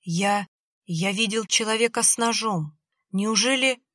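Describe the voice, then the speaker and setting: A woman's voice: mid-range voice, measured pace, sharp tone, dry recording, clean studio sound. A woman voicing a terrified young man who pleads and denies in desperation. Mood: desperate.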